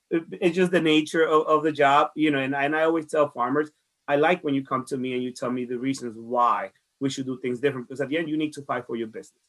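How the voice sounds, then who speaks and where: This interviewee, a Dominican farmers market director, talks fast in a medium-pitched, fairly bright voice with fairly even intonation. He has a Dominican Spanish accent. His conversational answers are earnest and full of repeated phrases.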